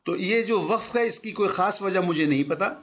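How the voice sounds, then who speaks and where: A man's voice: high voice, fairly bright tone, slight background noise. An older man teaching Arabic grammar in a conversational lesson, patiently explaining with examples and mixing in English words. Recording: dull lo-fi recording.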